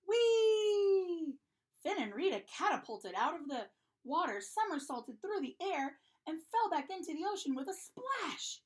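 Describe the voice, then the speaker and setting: A woman reading a children's picture book aloud in a lively, expressive way. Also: high-pitched, moderate pace, hardly any pauses. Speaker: storybook reader. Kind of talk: children's story read-aloud.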